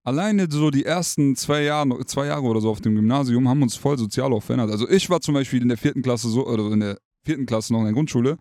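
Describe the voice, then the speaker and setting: Man, young, rapid slangy storytelling, dry close sound. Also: mid-range voice, darkish tone, no echo. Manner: fast slangy storytelling, acts out quotes. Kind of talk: casual chat, storytelling.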